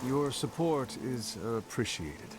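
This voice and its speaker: An actor playing a formal, stoic warrior hero in a game, speaking with measured, old-fashioned courtesy. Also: male voice, medium pitch, expressive, noisy background. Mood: reserved. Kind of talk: game character dialogue.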